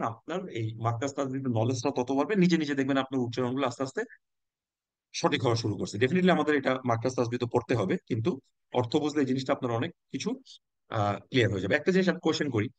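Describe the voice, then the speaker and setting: A man teaching an Arabic class in a conversational way, repeating example words slowly and dropping English words into his talk. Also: medium pitch, lively intonation, dry recording. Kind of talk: online class lecture.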